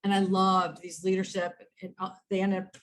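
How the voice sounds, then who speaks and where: A woman in her fifties, a podcast guest telling stories in an animated way, often quoting herself and restarting sentences, over a video call. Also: mid-range voice, moderate pace, a little hiss or hum. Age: 50s. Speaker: guest, author and entrepreneur. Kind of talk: conversational storytelling.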